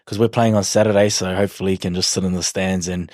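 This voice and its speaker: A man's voice: low-pitched, little pitch movement, quick pace, a little mellow, no echo, clean studio sound. A man in his twenties with a broad New Zealand accent, chatting casually in an interview in a laid-back, slangy, hesitant way. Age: 20s. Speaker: rugby league player, podcast guest.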